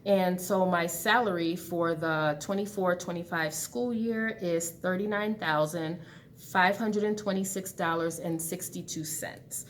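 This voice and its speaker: A woman's voice: on the low side, unhurried, slight background noise. A woman in her forties speaking candidly to her webcam from an empty classroom, chatting casually as a budgeting channel host. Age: 40s. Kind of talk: casual talk to camera.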